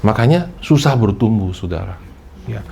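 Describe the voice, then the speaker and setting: A male pastor preaching a sermon, lively and conversational, slipping into English phrases and acting out people's excuses in a higher voice. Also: moderate pace, gravelly, a little hiss or hum.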